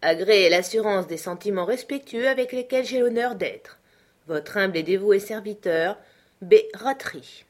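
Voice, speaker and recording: A woman's voice: mid-range voice, moderate pace, natural voice. An ironic middle-aged country doctor, cold and dry with a mocking edge, as a woman reads him. He never raises his composure. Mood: cool.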